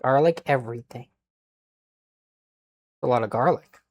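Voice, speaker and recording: A man talking through a cooking stream in a relaxed, middle-pitched voice. He mutters half to himself and drops dry, self-mocking jokes. His voice sometimes drifts back from the mic as he moves around the kitchen. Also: a little slow. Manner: deadpan, self-mocking asides; mutters to himself while working. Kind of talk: casual chat while cooking.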